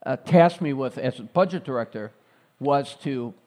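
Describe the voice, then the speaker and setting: A man's voice: mid-range voice, moderate pace, mellow. A middle-aged man, speaking as a guest in a talk interview in an earnest, repetitive stump-speech rhythm. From Chicago, United States. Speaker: mayoral candidate guest.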